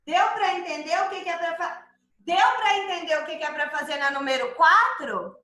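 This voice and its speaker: A woman's voice: very high voice, normal speed, sharp tone. A woman teacher with a Brazilian Portuguese accent, patiently explaining a workbook exercise to young children in an online class and checking that they follow. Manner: refers to herself as "tia" to the kids. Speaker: primary school teacher. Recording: echoey room.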